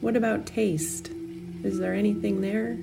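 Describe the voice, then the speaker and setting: A woman leading a guided meditation, giving soothing, unhurried instructions with long pauses. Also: mid-range voice, steady tone, gravelly, over loud music.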